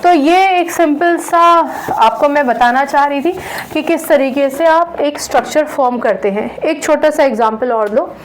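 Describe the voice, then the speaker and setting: High-pitched woman teacher going over chemistry slowly, keeps checking students are following. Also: a little hiss or hum, rough recording. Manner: patient, often checks in with "thik hai"; counts out carbons slowly. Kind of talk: online classroom lecture.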